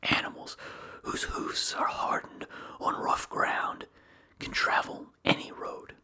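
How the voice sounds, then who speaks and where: A philosophical text is read aloud in a breathy ASMR whisper with a sharp tone. The phrasing is measured and deliberate, broken by short pauses.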